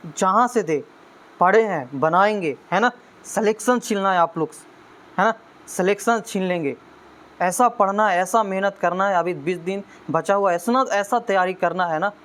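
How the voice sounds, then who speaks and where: A man teaching an exam-prep lesson, constantly checking in with "है ना" and urging students to study hard. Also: sits high. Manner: constant "है ना" tag questions, coaxing students.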